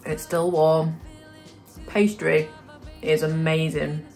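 A woman's voice: sits low, little pitch movement, takes it slowly, a little mellow, soft background music. A British woman from the UK chatting casually to camera for her vlog, talking through her day as she goes. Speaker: vlogger.

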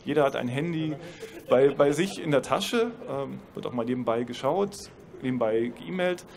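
A man's voice: mid-range voice, animated, normal speed, creaky, darkish tone. A man speaking as a professor on a panel, explaining at length with dry ironic asides on a trade fair stage. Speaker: university professor. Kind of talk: panel discussion. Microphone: handheld mic.

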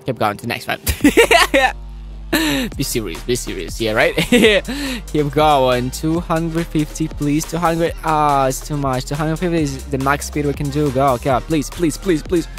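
Gameplay host, very animated pitch, unhurried delivery, squeals and giggles, begs the game in repeated bursts. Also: soft background music. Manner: shrieks and pleads with rapid repeated words; frequent giggling. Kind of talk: excitable gameplay commentary.

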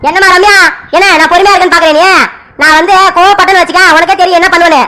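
Woman doing a grumpy cartoon dad, scolding fast, threats, high bright voice. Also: fairly even intonation. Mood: stern. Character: stern middle-aged father, short-tempered. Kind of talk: animated family serial voice acting.

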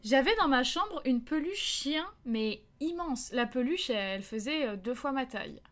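Streameuse animée à la voix aiguë. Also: female voice, high voice, moderate pace. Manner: lively anecdote-telling, acts out quotes, reads chat. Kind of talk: casual live-stream chat and storytelling.

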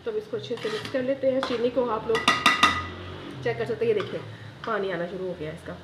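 Her voice sits on the high side, steady and fast, as she demonstrates a recipe step by step for her home cooking channel. Talking right to the audience, she keeps things chatty and often slips in something pious. Loud sizzling and banging pans echo around the kitchen, adding heavy background noise.

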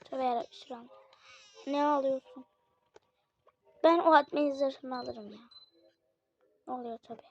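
A woman hosting a gaming channel, commenting chattily on gameplay and often calling out to her viewers with excited exclamations, sounding slightly unwell. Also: high-pitched, unhurried, long pauses. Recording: dull lo-fi dry recording.

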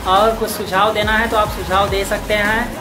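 A young man asking passers-by questions in a friendly, quick street interview outdoors. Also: high-pitched, little pitch movement. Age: young adult. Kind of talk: street vox-pop interview. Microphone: handheld mic held to passers-by. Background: background music.

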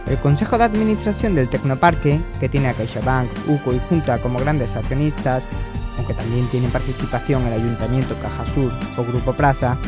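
A man reads a news item in a brisk, formal voice-over. His voice sits mid-range, and a loud music bed runs under every word. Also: medium pitch. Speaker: news reporter.

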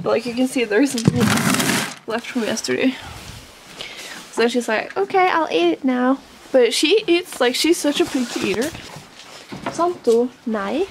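Young woman, English speaker, vlogging casually on a handheld camera in a horse barn. Talks with a slightly high voice and plenty of fillers. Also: background noise. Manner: chatty, with many fillers. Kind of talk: casual vlog chat.

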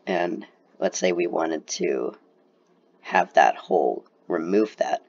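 Low, gravelly young man feeling sick. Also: takes it slowly. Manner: casual, relaxed, filler-heavy explaining. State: sick, slightly congested. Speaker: CAD tutorial presenter. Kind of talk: screen-recorded software tutorial. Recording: dull, lo-fi voice recording.

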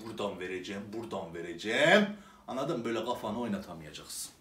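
A man's voice: fairly high pitch, fairly bright tone, recorded from a distance. Man playing a ranting club president. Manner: theatrical ranting, swinging from sweet to furious. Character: hot-tempered male club president ranting. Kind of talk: comedy sketch monologue. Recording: roomy echo, away from the mic.

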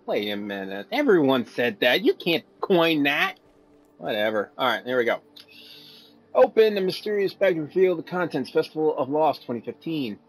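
A man giving casual, goofy commentary over his gameplay, easily distracted and quick to laugh. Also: on the high side, very animated, a little hiss or hum, poor audio. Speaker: gameplay video host.

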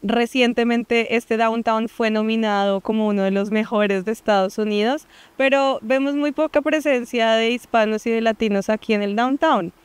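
A woman's voice: a little high, normal speed, few pauses, clean tone, no echo. A woman in her thirties from Colombia with a Colombian accent, giving an earnest interview outdoors into a handheld mic, with frequent fillers. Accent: Colombian Spanish. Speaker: interviewee, project founder. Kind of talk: on-camera interview. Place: downtown plaza outdoors.

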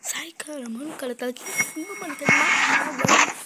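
A woman's voice: sits high, fast. A woman with a Brazilian accent commenting casually on gameplay as a panicking, startled gamer who keeps exclaiming. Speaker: gaming YouTuber. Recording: noisy mobile game recording with clicks.

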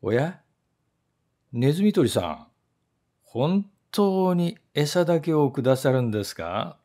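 Man doing a little mouse, high voice, wide swoops, smug, whiny, ungrateful, storybook. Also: big pitch swings, slow pace, mellow. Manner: smug and condescending, turning to shrill wailing.

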